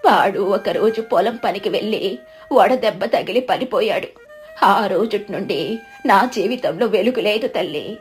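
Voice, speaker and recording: A woman voicing a frail, lonely old village woman who speaks weakly and slowly, in a storybook. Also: mid-range voice, animated, soft background music, close to an everyday voice. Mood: tender. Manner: weak, slow, pleading. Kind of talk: storybook narration.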